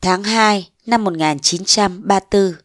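A woman narrating a short story in a measured, unhurried way. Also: medium pitch, no room sound, studio quality.

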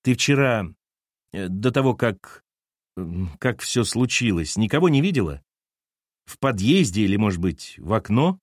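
A man voicing a cautious young man who asks careful, gentle questions in an audiobook. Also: big pitch swings, moderate pace, dry recording, studio quality. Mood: questioning. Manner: soft, careful, low murmur.

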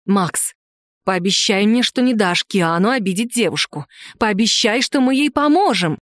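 A woman reading the lines of a gentle, anxious mother who speaks softly and earnestly. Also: medium pitch, lively intonation, normal speed, dry recording, clean studio sound, close to an everyday voice.

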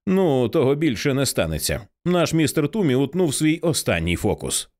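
A man voicing a stern commanding man who takes charge, speaking in calm, clipped orders. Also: medium pitch, moderate pace, pitched above the performer's own voice, close to an everyday voice. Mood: grim commanding.

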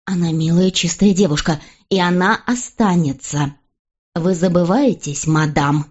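A woman reading an audiobook, voicing a proud, stubborn middle-aged king who speaks pompously in a lower, firm voice. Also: measured pace, darkish tone, slightly rough, dull audio. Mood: commanding.

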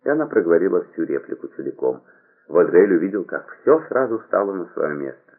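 A man reads a novel aloud in a very low, husky voice, with expressive, theatrical delivery and pitch that moves a lot. The recording is thin and phone-like. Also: fairly quick. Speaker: audiobook narrator. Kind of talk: audiobook narration of a novel. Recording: narrow phone-like lo-fi audio.

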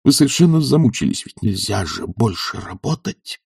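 A man's voice: medium pitch, lively intonation, brisk, mellow, husky, no echo, clean studio sound. A man voicing an earnest, devoted young doctor who pleads passionately and drops to urgent whispers.

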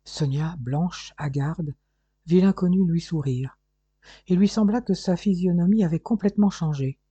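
An audiobook narrator reading an old adventure novel aloud in a measured storytelling manner, in a dull lo-fi recording. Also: mid-range voice, mellow, husky, no room sound.

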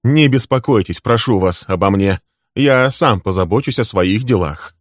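A man's voice: on the low side, animated, normal speed, no room sound, studio quality, pitched above the performer's own voice, natural voice. A man voicing an accused man who protests breathlessly and angrily in a storybook reading. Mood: tense. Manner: outraged, breathless. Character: accused man, indignant, shaken.

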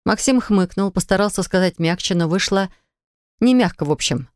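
Woman reading an audiobook, smooth resonant voice, super dry studio. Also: medium pitch, lively intonation, moderate pace, a little mellow, no echo. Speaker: audiobook narrator. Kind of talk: scripted narration. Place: recording studio. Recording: dry close studio sound.

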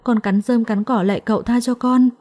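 A naive young servant girl pleads and begs in a tearful voice, as a woman storyteller puts her on. Her pitch lifts a little above the reader's own, with a soft, mellow tone. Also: steady tone, fairly quick, natural voice. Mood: pleading. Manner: tearful, begging.

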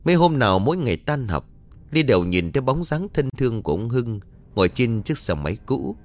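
A man narrating a ghost story in a dramatic, expressive reading. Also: mid-range voice, fairly quick.

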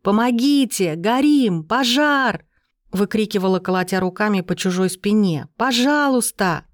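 An audiobook reader voicing a quick-witted young woman heroine who talks in a high, urgent, pleading voice, recorded dry. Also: no room sound, close to an everyday voice. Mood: shouting.

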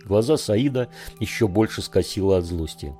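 A male narrator reads an adventure audiobook in a steady, measured way. His voice is lowish and dark, with a warm, mellow tone. Faint music plays behind him. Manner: measured storytelling.

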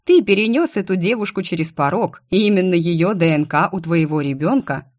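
Woman doing a teasing playful alien guy, lowish dry voice. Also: expressive, brisk, a little mellow, dry recording, lightly acted. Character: amused teasing male alien brother.

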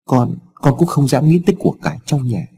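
A man's voice: medium pitch, sing-song, a little fast, dark tone, breathy edge. A man voicing a young, pregnant servant woman in a told story, pleading in a trembling, tearful way.

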